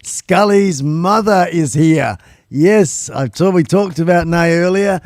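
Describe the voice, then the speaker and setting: Casting: male stream host, casual, slightly high pitch with noticeable fry, very dry recording. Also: slow, a little mellow, no echo. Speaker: live stream show host. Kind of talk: casual live stream chat.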